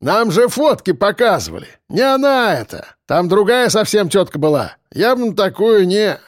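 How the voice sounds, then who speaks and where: A man's voice: high voice, very animated, normal speed, no room sound, voice pushed up. A brash, dismissive convict with iron teeth, as a male narrator puts him on, speaking well above a plain voice. The reading is close and dry.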